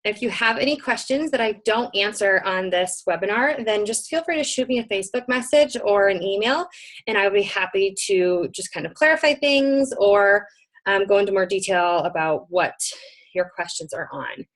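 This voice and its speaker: Speaking at a normal speed in a mid-range voice, this young Michigan woman runs a laid-back webinar from home. She chats along with plenty of ums, sounds slightly winded, and uses a computer microphone.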